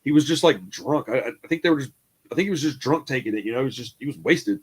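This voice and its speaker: Fast-talking profane man telling stories. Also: medium pitch, breathy edge. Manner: animated, profane, acts out the people in his stories. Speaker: podcast co-host. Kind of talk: casual storytelling.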